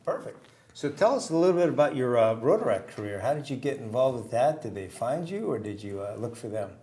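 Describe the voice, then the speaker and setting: A man hosting a community TV interview, asking his guests friendly, brisk questions. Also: mid-range voice, sing-song, mellow. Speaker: host.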